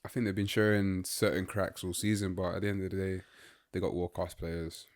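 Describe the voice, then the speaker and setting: A man's voice: deep voice, level tone, fairly quick. A young man, co-hosting a casual football chat and rambling through his opinions with lots of fillers. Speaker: podcast co-host.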